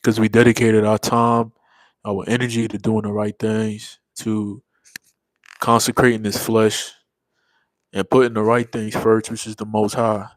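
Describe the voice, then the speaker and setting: A young man chats casually on a livestream and reads comments, sounding tired and yawning after a long day, his drawl relaxed and full of slang. He speaks unhurriedly in a fairly low voice with little pitch movement, and there's no echo.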